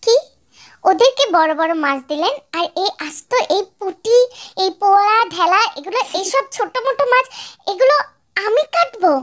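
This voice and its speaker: একজন নারী কণ্ঠ দিচ্ছেন এক আদুরে, ঘ্যানঘেনে তরুণী বউয়ের চরিত্রে। খুব উঁচু, কচি গলায় অভিমানী সুরে মুখে মুখে কথা বলে। এক ফ্যান-ডাব নাটকের চরিত্র।. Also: female voice, very high-pitched, lively intonation, normal speed, fairly bright tone. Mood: whining. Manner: whiny, sulky, talks back. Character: pampered whiny young elder daughter-in-law. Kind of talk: fan-dub radio drama.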